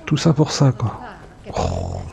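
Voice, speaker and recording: A man's voice: fairly low pitch, wildly swooping pitch, slow pace, vocal fry, background noise. A man casually commenting on his gameplay, chatting to viewers and muttering to himself. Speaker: let's play gamer.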